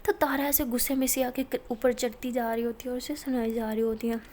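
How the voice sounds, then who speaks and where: A woman's voice: on the high side, a little fast. A woman narrating a college love story in a casual, chatty storytelling manner. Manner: chatty, animated retelling.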